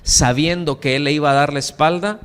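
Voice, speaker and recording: A man with a Mexican accent preaching a sermon as pastor, lively, acting out quoted voices and putting questions to his congregation. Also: a little high, a little fast, smooth. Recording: long church reverb.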